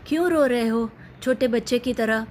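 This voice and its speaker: A woman's voice: on the high side, slight background noise, natural voice. A woman reading as a firm young wife. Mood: gentle. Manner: measured, turning sharp. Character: young married woman, patient but firm.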